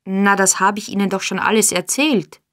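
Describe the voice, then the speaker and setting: A woman's voice: medium pitch, fairly even intonation, normal speed, fairly bright tone, no echo, studio quality, close to an everyday voice. A woman voicing a lazy, sly young male informer in an audiobook, with a drawling, offhand delivery.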